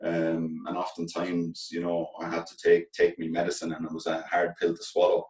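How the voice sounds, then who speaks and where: Deep-voiced man with a west of Ireland accent. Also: monotone, a little mellow, recorded from a distance. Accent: Galway, west of Ireland. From Galway, Ireland. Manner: earnest, halting, repeats phrases as they think aloud. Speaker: interview guest, former professional footballer turned coach. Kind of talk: reflective interview talk. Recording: echoey room, off from the mic.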